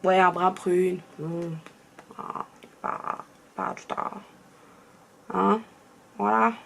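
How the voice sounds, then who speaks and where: Her lowish voice stays steady and moves extremely slowly, with vocal fry and a slight hiss or hum. She's a young woman from France doing a makeup tutorial as a beauty vlogger, talking casually and often drifting into murmurs.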